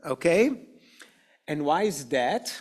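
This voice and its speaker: A man teaching an adult education class in a slow, conversational way, often checking with "okay?" and asking the group questions. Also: fairly high pitch, big pitch swings, a little mellow, husky. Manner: frequent "okay?" and "right?" checks, many "uh" fillers. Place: synagogue classroom.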